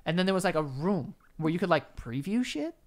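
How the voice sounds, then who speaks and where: A young man co-hosting a podcast, casual crude banter with animated, quick interjections, on a desk mic in a small studio. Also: high voice. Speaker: podcast co-host. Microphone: desk-mounted podcast mic, headphones.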